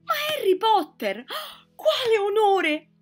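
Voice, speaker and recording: A woman's voice: fairly high pitch, huge pitch swings, normal speed, darkish tone, husky, faint music behind, full character voice. A woman voicing an old bald male barman who is tearful and gushing in a storybook reading. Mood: overwhelmed.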